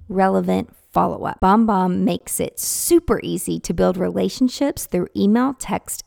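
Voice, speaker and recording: Bubbly woman podcast host, lively voice. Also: mid-range voice, gravelly, dry recording, studio quality. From US South. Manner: upbeat, bubbly, laughs often. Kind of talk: casual interview chat.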